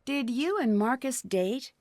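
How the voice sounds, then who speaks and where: A woman's voice: high-pitched, expressive, a little slow, darkish tone, no echo, studio quality. An actress playing a polite, earnest and inquisitive young female detective in a video game. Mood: curious. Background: music.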